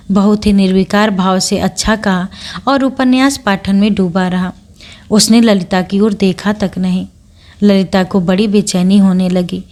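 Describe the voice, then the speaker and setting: A woman storyteller reads a classic novel aloud in a steady, measured voice. Her pitch sits in an ordinary middle range. Her delivery is scripted audiobook narration.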